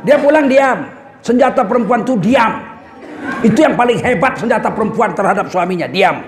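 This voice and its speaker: A man's voice: high voice, animated, moderate pace, background noise. A male preacher giving a humorous sermon, telling a story and acting out its scenes. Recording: echoey hall with audience.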